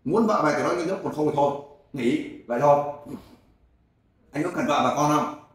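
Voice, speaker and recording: Male interviewer, loud and scolding, slightly high voice, echoey room, mic at a distance. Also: a little fast. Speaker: volunteer group interviewer.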